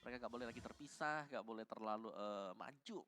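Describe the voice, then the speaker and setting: A man's voice: lowish voice, fast, fairly bright tone. A man giving explanatory live analysis as a commentator on an esports match. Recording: noisy live game broadcast.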